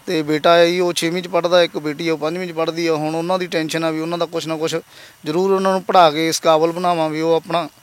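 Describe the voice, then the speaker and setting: Fast, earnest high-voiced man. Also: flat delivery. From Punjab. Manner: earnest, polite, emotional. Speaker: interviewee, laborer and father. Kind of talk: emotional interview testimony.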